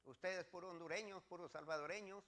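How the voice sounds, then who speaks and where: A man's voice: high voice, steady tone, brisk, a bit bright. A man from Mexico, preaching a sermon as pastor and reading scripture verses with earnest repetition.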